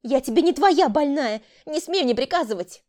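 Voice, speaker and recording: A woman voicing a frightened, defensive younger sister who pleads and protests in a shrill voice. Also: expressive, moderate pace, a little mellow. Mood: indignant.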